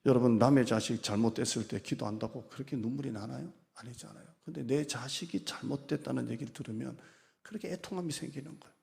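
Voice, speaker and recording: Middle-aged guy preaching in church, mellow gravelly voice, big echoey hall, keeps asking the crowd questions. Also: mid-range voice, quick pace. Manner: preaching with emphatic repetition and questions to the congregation. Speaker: pastor. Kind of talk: sermon. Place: church sanctuary.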